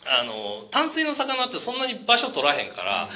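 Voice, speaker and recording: Male host, Kansai accent, animated joking storyteller, slightly high voice. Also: moderate pace. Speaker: podcast host. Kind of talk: casual chat.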